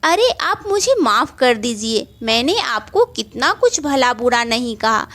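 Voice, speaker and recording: Brief: female narrator voicing a worried kind father, high and animated. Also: measured pace.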